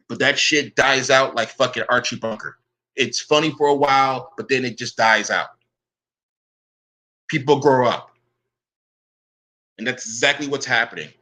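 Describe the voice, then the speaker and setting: On a roughly recorded vlog, a man in a pushed, bright, mid-range voice rants angrily, confrontational and profane, throwing "bro" at his rivals. This online commentator says he keeps the same voice with everyone.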